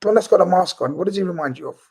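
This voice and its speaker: High, husky man hosting football chat. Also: expressive, very fast, darkish tone. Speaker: watchalong host. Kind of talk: casual live football commentary. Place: in a house.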